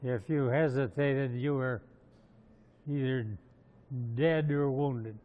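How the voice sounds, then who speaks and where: Man in his nineties, American accent, veteran recollecting, unhurried pace, medium pitch, slightly muffled interview sound. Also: steady tone. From Montana, USA. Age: 90s.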